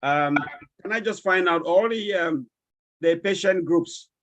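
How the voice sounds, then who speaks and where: A man with a Nigerian accent moderating an online webinar over a video call, courteous and halting as he checks who has joined. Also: sits high, a bit bright, a little hiss or hum.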